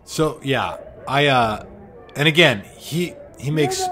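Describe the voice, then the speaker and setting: A man's voice: mid-range voice, animated, slow, crowd noise. A man in his forties commentating a replay of his own boxing bout, with a joking, self-deprecating play-by-play manner. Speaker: amateur boxer commentating his own fight. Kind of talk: casual fight commentary.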